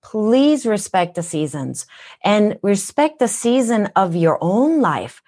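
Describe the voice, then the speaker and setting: A Japanese-born woman with a Minnesotan accent appears as a wellness guest on a podcast interview, speaking in a mid-range, dark-toned voice that is very animated yet slow. She is earnest and teacherly, posing rhetorical questions.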